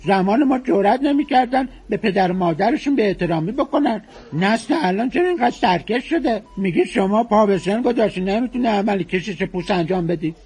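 A cranky, indignant 92-year-old woman, played by a man who scolds the younger generation for its disrespect. The voice sits very high and sounds husky and breathy. It is performed as broad sketch comedy. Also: animated, darkish tone. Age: older.

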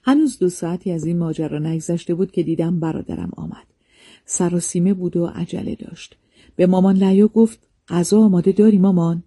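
Husky, dark-voiced male narrator. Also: high-pitched, no echo. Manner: calm, measured reading. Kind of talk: scripted narration of a memoir.

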